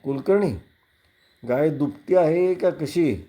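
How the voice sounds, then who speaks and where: A loud, quick-tempered village police inspector , put on by a male reader, barking orders and cursing at his men. The voice stays low and mellow beneath the shouting, in the manner of a storybook reading. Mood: sly, mocking. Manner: barks orders and curses loudly.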